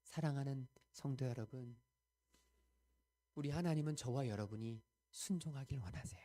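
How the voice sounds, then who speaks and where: A male pastor delivering a Sunday sermon, telling a story earnestly, rising to loud emphasis and dropping to hushed quoted prayers. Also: mid-range voice, normal speed. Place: church sanctuary.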